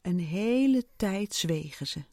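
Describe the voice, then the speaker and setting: Woman storyteller, slow and expressive, lively higher voice, dry close mic. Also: no room sound. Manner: expressive, unhurried reading. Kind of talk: storybook narration.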